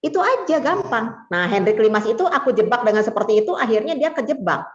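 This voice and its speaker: A woman co-hosting a casual business talk, chatty and animated, often giving brief replies of agreement. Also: a little high, fast talker. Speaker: co-host and presenter. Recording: echoey, dull lo-fi recording.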